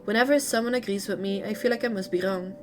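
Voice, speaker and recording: A proud male genius scholar with a sharp tongue, read aloud by a woman. He lectures in a cutting, condescending way, at an ordinary middle pitch. Soft music sits faintly behind him. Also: quick pace, natural voice.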